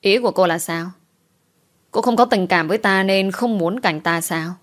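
A woman's voice: mid-range voice, normal speed, natural voice. A woman reading as a furious male underworld boss. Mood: cold. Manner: harsh, threatening. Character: angry domineering young male underworld boss.

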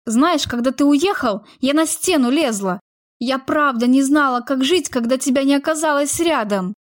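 A woman's voice: high-pitched, moderate pace, no echo, clean studio sound, lightly acted. A woman voicing a young woman in a heated argument with her partner, defensive and emotional. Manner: heated, pleading outbursts.

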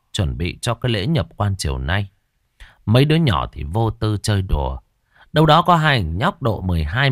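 Expressive male ghost story narrator. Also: fairly low pitch, no echo, clean studio sound.

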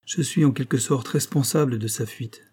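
A man voicing a male doctor, a cold and measured friend who speaks calmly and evenly. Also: mid-range voice, breathy edge. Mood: cool. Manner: measured, cool.

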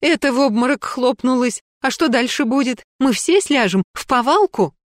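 A woman's voice: medium pitch, normal speed, dry recording, studio quality, close to an everyday voice. A woman narrating an audiobook, voicing a panicky, fussy middle-aged woman who pleads and frets. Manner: frantic, pleading, fussing.

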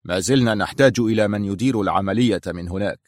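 A man's voice: medium pitch, fast, no room sound, clean studio sound, close to an everyday voice. A man voicing a stern male crime boss who gives clipped, cold orders.

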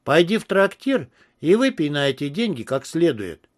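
A man's voice: fairly high pitch, big pitch swings, moderate pace. A man voicing a brash bull-headed male detective who teases and grows weary. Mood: exasperated. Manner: jovial, teasing, then weary.

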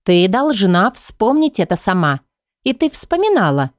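A woman reading the lines of a calm, persistent female psychologist in an audiobook. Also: mid-range voice, measured pace, dry recording, clean studio sound. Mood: insistent.

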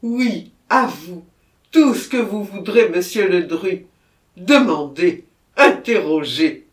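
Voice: mid-range voice, animated, slow, recorded from a distance, pitched above the performer's own voice. A reader voicing a terrified man who has confessed to murder and begs to be taken to prison, in a storybook reading with a roomy echo. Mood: panicked pleading. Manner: loud, pleading and panicked.

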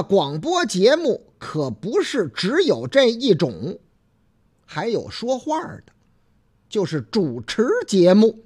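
A man with a Beijing accent hosting a casual radio talk show, chatty and folksy with drawn-out filler particles. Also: high voice. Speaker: radio host.

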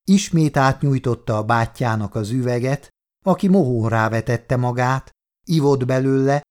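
A man's voice: mid-range voice, a little mellow. Man reading an audiobook steadily. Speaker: audiobook narrator. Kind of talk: scripted narration.

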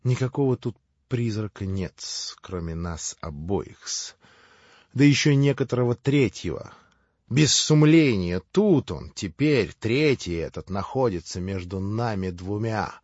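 A sly male servant, fawning and insinuating, played by a man reading aloud, with a husky, slow delivery. His servile politeness turns into cold accusation. The sound is dull and lo-fi, with faint music underneath. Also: fairly low pitch, animated, darkish tone, dry recording.

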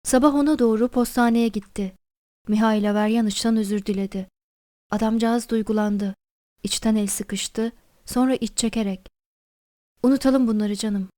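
A woman narrating an audiobook of a novella in a measured, expressive storytelling manner. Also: on the high side.

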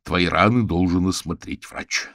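A man reading an audiobook, voicing a big, gruff male bear policeman who talks curtly. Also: low voice, a little slow, fairly bright tone, dry recording, clean studio sound. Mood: stern. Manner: gruff, curt.

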